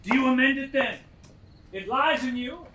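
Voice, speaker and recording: A commanding, jealous fairy king acted by a man declaims Shakespearean verse in a hammy stage style. The voice is extremely high and rings in a roomy space, picked up from some way off. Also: expressive, moderate pace. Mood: demanding. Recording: roomy, distant, noisy stage recording.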